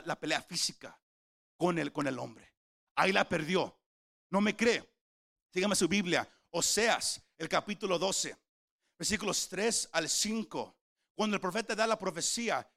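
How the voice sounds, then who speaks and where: A man preaching a sermon, emphatic, swinging from shouts to quiet lows and repeating words as he starts phrases. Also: gravelly. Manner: emphatic, rising to shouts then dropping low. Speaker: pastor.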